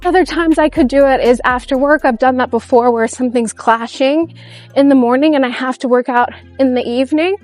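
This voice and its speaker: Faint music sits behind this young vlogger as she walks outdoors chatting into her camera, cheerful and giggly. Her high-pitched voice has a darkish tone and moves fairly quickly.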